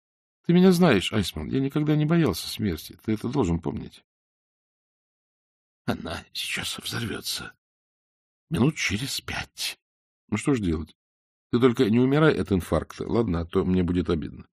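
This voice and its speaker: A fearless spy speaks with cool, measured menace, as a male reader puts him on. His voice sits low and even, and the sound is dry and close. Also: slightly rough, no room sound, heavily acted. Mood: calm menace. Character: cold, unafraid male spy, taunting calmly.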